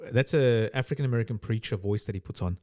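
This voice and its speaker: A man co-hosting a podcast, talking in a rambling casual way with many restarts and quick agreement. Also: fairly low pitch, a little mellow, no room sound, studio quality. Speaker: podcast co-host. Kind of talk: casual chat.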